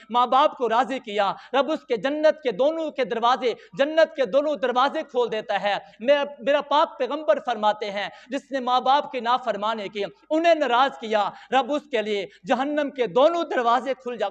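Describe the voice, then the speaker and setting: High-pitched fervent male preacher, echoing hall. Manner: fervent, rhythmic repetition of parallel phrases. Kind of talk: impassioned sermon storytelling. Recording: long hall reverb, dull lo-fi sound.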